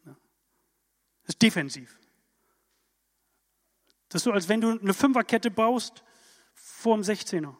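A man with a high-pitched voice preaches to his congregation, driving his points home with emphatic rhetorical questions. His words ring out with a long reverb in a church hall. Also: expressive, slow pace, pauses often. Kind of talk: sermon.

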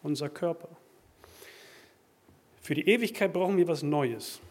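A preacher in a church, speaking in a husky, slightly high voice. His delivery is animated, rising to loud emphatic bursts and then dropping to quiet, confiding asides. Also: unhurried. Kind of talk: sermon.

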